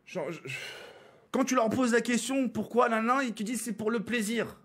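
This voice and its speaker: A man's voice: very high-pitched, normal speed, a bit bright, slightly rough. A man from France streaming a game, ranting at his viewers with exasperation, swearing and stumbling over his words. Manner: exasperated, swearing, stammering restarts.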